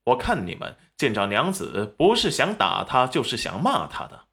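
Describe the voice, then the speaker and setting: A man's voice: mid-range voice, wildly swooping pitch, normal speed, creaky, fairly bright tone, full character voice. Man playing a cold-voiced young husband. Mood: icy. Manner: icy, clipped.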